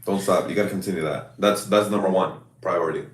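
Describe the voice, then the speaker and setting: A man coaching clients over a video call, chatting casually with loud, excitable hype-man energy. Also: low voice, quick pace, roomy sound, far from the mic. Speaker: fitness coach.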